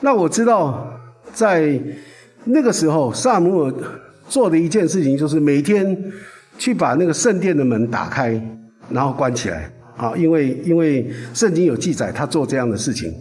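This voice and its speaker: Male pastor, animated storyteller, fairly high voice. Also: normal speed, faint music behind. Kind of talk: sermon.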